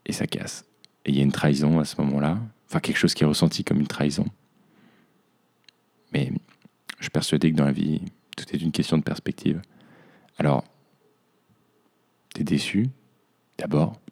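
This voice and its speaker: A young man with a very deep, gravelly voice and a dark, mellow tone. He hosts a podcast in a reflective personal monologue and looks back on hard months. He speaks to himself as "you". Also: steady tone, normal speed, pauses often. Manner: introspective, addresses himself as "tu". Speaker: podcast host.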